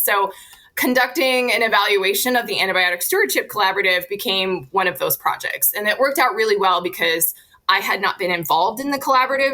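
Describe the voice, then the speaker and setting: A woman guest on an interview podcast, explaining her research in a relaxed, explanatory way with frequent fillers. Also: mid-range voice, poor audio.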